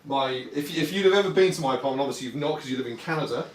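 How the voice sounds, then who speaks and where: A man's voice: fairly high pitch, racing. A man streaming a tabletop wargame from home, chatting to viewers and explaining the rules as he plays. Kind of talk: casual live-stream game commentary. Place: warm home apartment, indoors. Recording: roomy sound, distant mic, faint noise.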